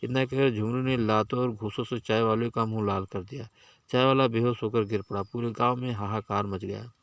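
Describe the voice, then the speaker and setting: A man narrating a village story in a steady, plain reading voice. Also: lowish voice, a little fast, no echo.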